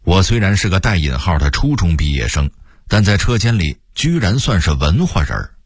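A man's voice: sits low, breathy edge, dry recording, studio quality. A man in his sixties with a Beijing accent, reading a personal essay on the radio with a wry storytelling tone. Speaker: narrator.

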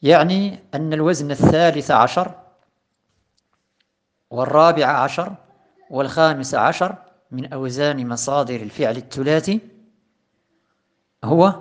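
Slow, deliberate male grammar teacher. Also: fairly high pitch. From Morocco. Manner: slow, deliberate, repeats and stresses patterns. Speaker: teacher of Arabic morphology. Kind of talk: recorded lesson explaining a grammar poem.

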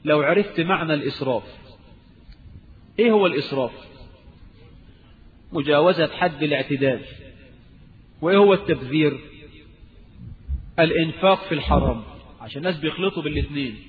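Egyptian preacher, rhetorical and emphatic. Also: male voice, on the high side, brisk, pauses often, in a large hall, narrow, tinny audio, a little hiss or hum. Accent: Egyptian Arabic. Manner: rhetorical questions, rising to emphatic outbursts. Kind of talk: recorded Islamic lecture.

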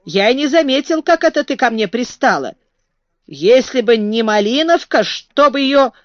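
A woman's voice: fairly high pitch, animated, moderate pace, no room sound, highs cut off, voice pushed up, lightly acted. Woman voicing a blustering old gardener. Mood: angry scolding. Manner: scolding, blustering shouts. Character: grumpy old male gardener, hot-tempered.

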